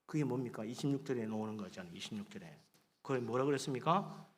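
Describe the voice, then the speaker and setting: A man preaching a sermon as pastor, animated, prompting the congregation and acting out boastful people in quick asides. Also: mid-range voice. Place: church sanctuary. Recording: long hall reverb.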